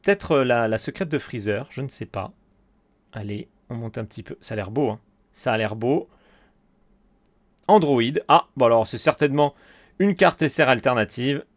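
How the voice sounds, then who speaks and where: A man casually commenting as he opens card boosters one by one, excitable and chatty. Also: mid-range voice, normal speed, pauses often. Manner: excitable, hyped, roll-calling card names. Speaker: card opening host.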